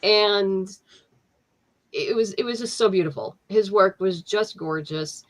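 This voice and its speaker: Being interviewed as a guest, a woman comic book writer talks in an unhurried, mid-range voice. She's casual and chatty, stumbling through many fillers and restarts and laughing easily.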